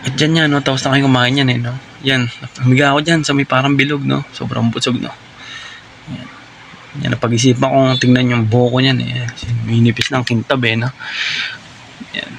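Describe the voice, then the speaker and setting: A man's voice: mid-range voice, little pitch movement, fairly quick, vocal fry, a bit bright, slight background noise. A young Filipino man with a Filipino accent narrating his food trip vlog in a rambling, chatty voice-over, ending many lines with "no?". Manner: admits he is still learning voice-over, unsure of his volume. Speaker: vlogger.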